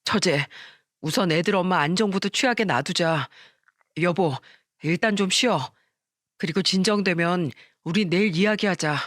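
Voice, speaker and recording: Story role: woman as a coaxing, guilty husband trying to calm his wife, dry recording. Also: on the low side, normal speed, dry recording, lightly acted. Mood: placating. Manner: placating, coaxing. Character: cheating husband, a male teacher, placating.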